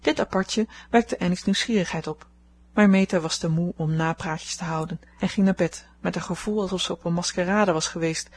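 A woman narrating a classic novel aloud, calm and measured. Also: fairly low pitch, husky. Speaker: audiobook narrator. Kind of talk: storybook narration.

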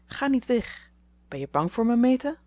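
A woman reading the part of a shy, earnest young man in love, speaking gently and pleadingly. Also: fairly high pitch, big pitch swings, normal speed, dry recording, pitched above the performer's own voice. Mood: tender pleading.

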